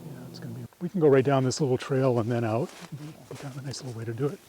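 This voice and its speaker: A man's voice: medium pitch, very fast, mellow, slight background noise, rough recording. A middle-aged man giving an informal talk as he guides a nature walk, reflective and tentative, often trailing off at the ends of phrases. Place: outdoors on a farm trail.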